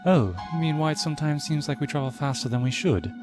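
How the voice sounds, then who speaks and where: A man's voice: on the high side, expressive, quick pace, darkish tone, faint music behind, natural voice. A man playing a brusque, skeptical, short-tempered naval lieutenant in an audio drama. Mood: dismissive.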